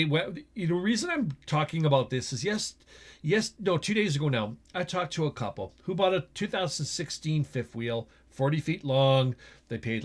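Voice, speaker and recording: A middle-aged man with a Western Canadian accent, talking casually and with opinions in an explanatory vlog, checking in with the listener as he goes, recorded indoors in a small space. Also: fairly high pitch. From Edmonton, Alberta, Canada. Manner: conversational, opinionated, often asks "okay?" and "right?". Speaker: vlogger, RV store general manager.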